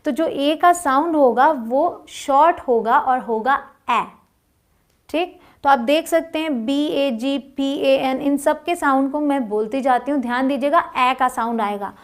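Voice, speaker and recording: An English teacher, patiently explaining vowel sounds and spelling words out letter by letter. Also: female voice, sits high, unhurried. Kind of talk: explaining phonics lesson.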